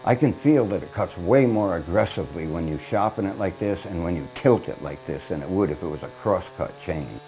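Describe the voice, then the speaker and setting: Low, mellow and expressive, the older man's voice moves fairly quickly with few pauses as he teaches chainsaw work step by step. He's a shipwright speaking into a lapel mic outdoors in a grassy yard by a mill, plainspoken and practical with folksy asides. Faint music sits in the background of a low-quality recording.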